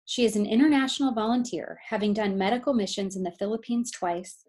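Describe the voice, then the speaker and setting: A woman hosting a podcast reads a scripted introduction of her guest, then moves into a casual interview, chatting eagerly. Her voice is medium-pitched with a darkish tone, and she speaks fairly quickly in an upbeat, eager way.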